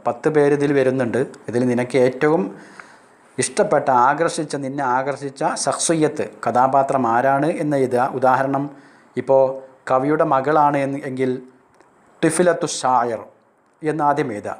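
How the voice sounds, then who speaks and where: A male Arabic teacher from Kerala explaining a lesson step by step, speaking Arabic phrases slowly and then translating them. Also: medium pitch. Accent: Kerala Malayalam. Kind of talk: recorded classroom lesson.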